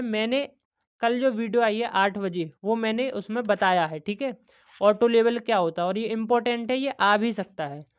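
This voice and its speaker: A woman's voice: on the high side, dull audio. Woman teacher repeating questions to students. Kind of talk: exam revision lesson.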